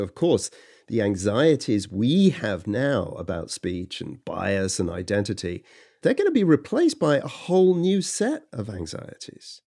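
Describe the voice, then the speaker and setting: Mellow low-voiced man podcast co-host. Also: vocal fry. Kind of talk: scripted podcast conversation. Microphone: studio microphone.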